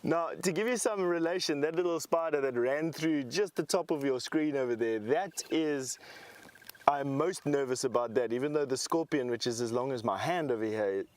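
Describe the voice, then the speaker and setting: A man presenting a live safari as a guide, explaining animals to viewers in an enthusiastic, unhurried way. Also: mid-range voice.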